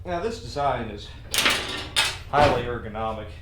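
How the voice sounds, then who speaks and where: The host of a car repair video channel speaks expressively at a moderate pace and medium pitch, chatting folksily while he works in his garage workshop. He adds tongue-in-cheek, mock-serious remarks, and the recording is very noisy.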